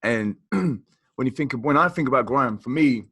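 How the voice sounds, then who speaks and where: Man, forties, podcast co-host, enthusiastic and rambling, mid-pitched, dry close sound. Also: animated, moderate pace, pushed and bright, breathy edge, no echo. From South Croydon, London, England. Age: 40s. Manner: enthusiastic, rambling, peppered with "you know". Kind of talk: casual chat about music.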